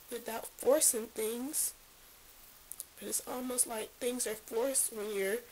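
A woman in her thirties, tearful as if after crying, speaking in a drained, downcast way in an emotional confessional vlog. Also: a little high. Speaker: vlogger. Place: small bedroom, lying in bed. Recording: hissy, noisy home camera recording.

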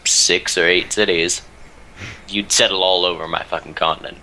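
A man's voice: sits low, steady tone, normal speed, bright, forceful tone, a little hiss or hum. A young man chatting casually during an online multiplayer strategy game, joking, teasing and swearing while talking through a headset. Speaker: multiplayer gamer. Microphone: headset with earphones.

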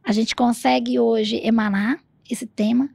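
Soft-spoken Brazilian woman host, gravelly husky voice, dry close mic. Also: a little high, fairly even intonation, a little slow, no echo. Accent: Brazilian Portuguese. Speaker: podcast host. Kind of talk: casual conversation.

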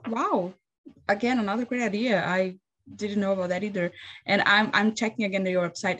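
A woman in her thirties interviewing over a video call on a headset, reacting warmly and asking questions with some hesitation. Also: mid-range voice.

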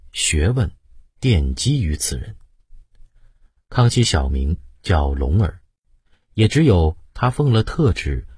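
Deep husky guy reading a history audiobook, slow and dramatic, swooping a lot. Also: no room sound, studio quality. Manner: expressive storytelling with sweeping pitch. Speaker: audiobook narrator.

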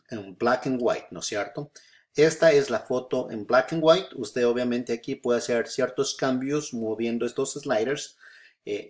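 A man hosting a software tutorial, patient and repetitive, filling pauses with "eh" and often checking "¿no es cierto?". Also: mid-range voice. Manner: patient, repeats steps, frequent filler "eh" and "¿no es cierto?". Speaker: photography tutorial host. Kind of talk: screen-recorded software tutorial.

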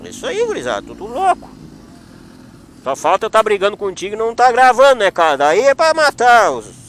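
A man's voice: high-pitched, huge pitch swings, fairly quick, a bit bright, a little hiss or hum. A man speaking, vlogging outdoors at a motorcycle meetup and teasing friends in a joking mock confrontation. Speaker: motovlogger. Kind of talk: casual vlog chat.

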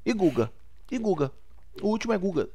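A man's voice: sits high, very animated, fairly quick, crowd noise. A man co-hosting a comic sports chat, playing a clumsy pundit who stumbles and stammers over every name. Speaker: comedy show co-host.

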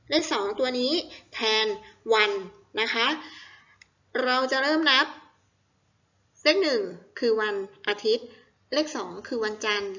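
Slow, bright-voiced woman teacher. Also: on the high side, lo-fi sound. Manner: slow, syllable-by-syllable reading, asking students questions. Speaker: primary school teacher. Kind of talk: classroom lesson, reading exercises aloud.

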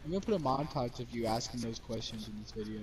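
A man's voice: medium pitch, fast talker, a crowd in the background, rough recording. A young man chatting during a game, giving orders and calling out his teammate. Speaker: gaming friend. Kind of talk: casual gameplay chat.

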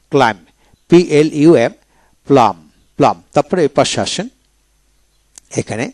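A man teaching English pronunciation, spelling out each word letter by letter and then repeating it slowly twice. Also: on the high side, a little mellow, no room sound. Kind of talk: slow spelled-out pronunciation drill.

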